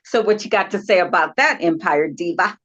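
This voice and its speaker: A woman co-hosting a podcast, speaking in a slow, measured way. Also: lowish voice, fairly bright tone, lo-fi sound. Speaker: podcast co-host. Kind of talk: casual chat.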